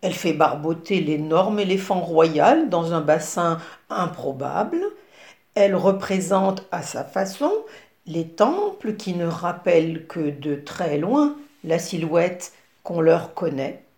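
A woman reading a storybook aloud and reviewing it, in a slow expressive manner, recorded with a roomy echo. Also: fairly low pitch. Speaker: book reviewer and reader.

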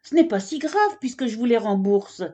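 A woman's voice: on the high side, big pitch swings, normal speed, mellow, slightly rough, lo-fi sound, voice pushed up. A woman voicing a polite, distinguished male camel who stammers when cornered, in a children's storybook. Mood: flustered. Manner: hesitant, stammering.

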